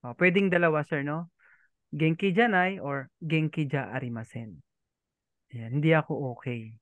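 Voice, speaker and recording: A man's voice: a little high, moderate pace, no echo. A man teaching a language lesson in a patient, polite way, often repeating himself and checking that the learners follow.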